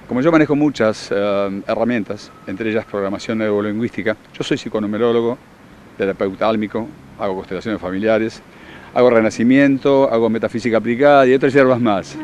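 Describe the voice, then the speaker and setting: Un hombre con acento argentino que da talleres y explica con tono seguro, didáctico y enfático. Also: male voice, fairly low pitch, brisk, darkish tone, muffled recording, slight background noise. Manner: confident, instructive, emphatic. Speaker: workshop leader and therapist. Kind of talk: explanatory interview answers.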